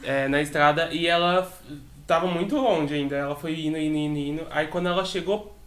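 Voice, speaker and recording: A man telling a story in casual chat, animated and repeating words for effect. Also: on the high side, brisk. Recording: echoey room.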